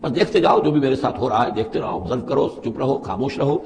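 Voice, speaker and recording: A man teaching a Quran commentary, reciting verses and then explaining each one in a measured lecturing manner. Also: medium pitch, animated, in a large hall, a crowd in the background. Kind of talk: Quran translation and commentary lesson.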